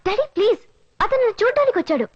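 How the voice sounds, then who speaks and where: A woman's voice: very high voice, very animated, very fast. A young woman playing a rich man's daughter who pleads and talks emphatically, on a dull film soundtrack. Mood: pleading.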